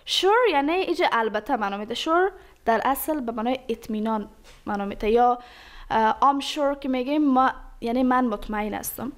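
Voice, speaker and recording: A woman teaching English phrases, saying each example slowly and carefully and then explaining it quickly. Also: on the high side.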